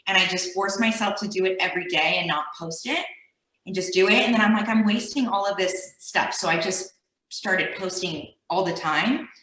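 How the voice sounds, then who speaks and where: A woman speaks candidly on a panel in a bright, sharp voice. Her s sounds whistle, and her manner is self-deprecating. The sound is roomy and echoey. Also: mid-range voice, normal speed.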